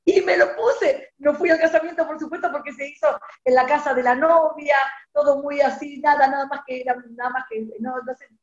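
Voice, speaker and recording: An older woman, telling a personal story to a women's group and acting out the dialogue in a lively way. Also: a little fast, hardly any pauses, roomy sound, dull audio. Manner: animated, acts out quoted dialogue with rising pitch. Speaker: community speaker.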